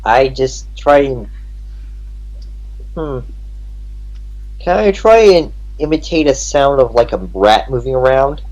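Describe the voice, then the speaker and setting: A man plays a tabletop game, talking casually at a slow pace. His pitch moves around in a lively way. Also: muffled recording.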